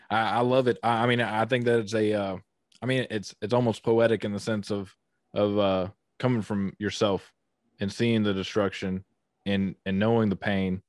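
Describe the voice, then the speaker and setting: A man hosting a podcast interview over a video call, talking haltingly with many fillers and restarts. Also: sits low, dry recording, studio quality. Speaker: podcast host.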